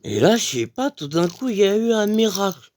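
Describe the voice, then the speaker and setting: A man telling a rambling comic story, full of fillers and sudden jumps in pitch for emphasis. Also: sing-song, fairly quick, a little mellow. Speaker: comedian.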